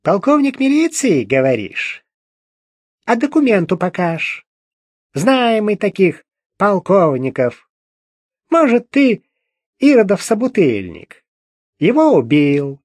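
A man voicing a gaunt, hostile old churchgoing woman with a creaky, grating voice and rustic old-fashioned speech. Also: sits high, no room sound, studio quality, voice pushed up, heavily acted.

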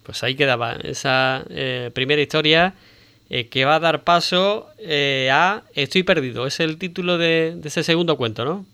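A male radio host with an Andalusian Spanish accent links segments, often pausing on fillers. His voice is fairly high, bright and crisp. It is recorded dry and close in the studio. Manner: hesitant, many fillers. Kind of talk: radio presenting.

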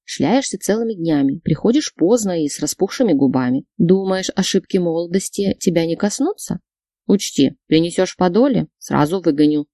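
A woman's voice: fairly low pitch, expressive, moderate pace, mellow, no room sound, clean studio sound. A woman voicing a nagging, manipulative middle-aged mother who scolds and reproaches her daughter. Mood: scolding.

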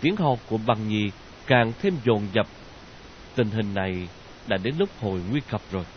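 A man narrating a story in an expressive audiobook reading, in a dull lo-fi recording. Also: lowish voice, moderate pace, a little hiss or hum.

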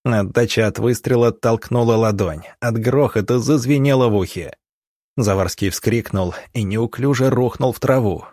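A man narrating an audiobook in a measured, dramatic reading style. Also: medium pitch, a little mellow, no room sound, studio quality. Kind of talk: scripted narration.

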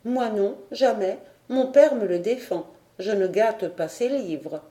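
A woman's voice: medium pitch, slow, dark tone, natural voice. A woman reading a storybook, voicing a proud, mocking ten-year-old noble girl in a slightly raised voice. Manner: mocking, haughty, curt. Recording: roomy echo.

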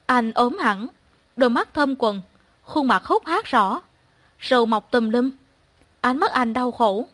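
A young woman narrating a first-person story in a calm, even voice. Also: on the high side, slow, long pauses, no echo.

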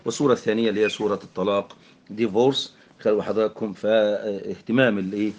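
A man with an Egyptian accent teaching English grammar in Arabic, mixing in English terms and filling pauses with "aah". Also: lowish voice, fairly even intonation, darkish tone, muffled recording. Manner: explanatory, mixes English terms, frequent fillers.

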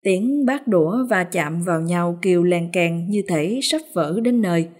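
Woman narrating a folk ghost tale, lowish. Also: unhurried. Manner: even, storytelling. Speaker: storyteller. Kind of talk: scripted story narration.

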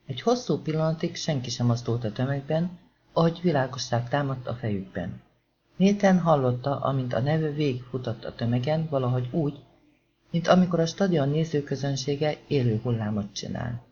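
A man narrating an audiobook in a steady, measured reading. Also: medium pitch. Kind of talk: scripted narration. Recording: slightly dull lo-fi recording with faint hiss.

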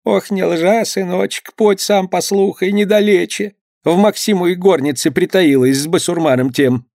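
A man reading an audiobook and voicing a fretful elderly mother who pleads slowly with her grown son. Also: high voice, gravelly, darkish tone, no room sound, clean studio sound, voice pushed up. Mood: pleading. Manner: slow, wheedling.

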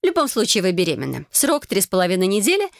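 No-nonsense healer lady, firm and brisk, woman reading her, dry. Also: mid-range voice, huge pitch swings, vocal fry, dry recording. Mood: businesslike. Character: brisk red-haired female healer, matter-of-fact.

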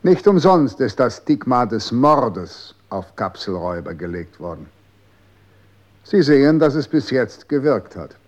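An actor playing a cold, condescending official in a 1960s radio drama, calm and authoritative. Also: male voice, mid-range voice, measured pace, highs cut off.

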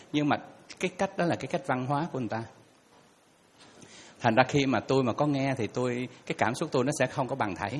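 A monk telling a story casually, hesitating with fillers and small laughs. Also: male voice, medium pitch, slightly rough. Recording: hall reverb with faint noise.

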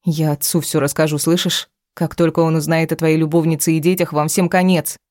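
Woman doing a spiteful weepy wife in an audiobook, low mellow voice, dry close sound. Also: little pitch movement, brisk, no room sound, close to an everyday voice. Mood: spiteful pleading. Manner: pleading and spiteful, tearful. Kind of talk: audiobook character reading.

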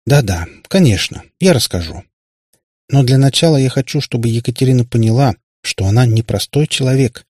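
A man's voice: medium pitch, lively intonation, fairly quick, darkish tone, slightly rough, no room sound, clean studio sound, pitched above the performer's own voice. A man voicing a sad warlock father who rambles in pompous explanations. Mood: lecturing. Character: male warlock father, sad and long-winded.

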